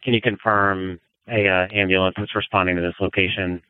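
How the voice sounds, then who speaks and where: Fairly quick and level in tone, a man with a deep voice gives directive orders as a fire incident commander. The fireground radio traffic sounds narrow and phone-like, but his tone is clean, with no echo.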